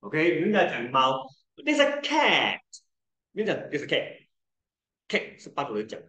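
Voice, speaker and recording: Man, pronunciation tutor, slow patient delivery, drawn-out vowels, echoey room. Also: fairly high pitch, huge pitch swings, pushed and bright. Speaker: English pronunciation teacher. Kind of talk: tutoring lesson, mixing Mandarin and English.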